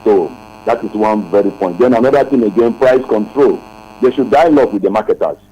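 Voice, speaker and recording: A man's voice: lowish voice, fairly quick, warm tone. A man calling in to a radio talk show, speaking earnestly and repeating his points, his voice muffled as if heard through a wall over a dull phone line. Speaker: caller.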